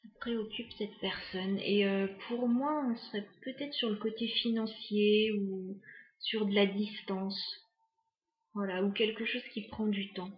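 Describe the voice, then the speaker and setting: A woman talks her viewers through a tarot spread in a loose, hesitant way, musing and pausing often between thoughts. Her voice echoes around the room, and the recording sounds slightly muffled. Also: medium pitch, fairly even intonation. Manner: hesitant, musing, many fillers. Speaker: tarot card reader. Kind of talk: casual tarot reading to camera.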